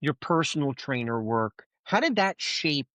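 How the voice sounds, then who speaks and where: A man's voice: a little high, very animated, unhurried, fairly bright tone, no room sound, dull audio. A man from Brooklyn hosting a podcast interview, full of joking, self-mocking banter. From Brooklyn, New York. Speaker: podcast host.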